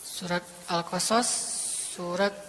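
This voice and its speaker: Brief: male preacher, fairly high, bright storytelling voice, echoing hall. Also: slow pace, slight background noise. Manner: animated storytelling, acting out quoted voices. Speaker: Islamic preacher. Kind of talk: casual conversational sermon. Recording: echoey hall with long reverb.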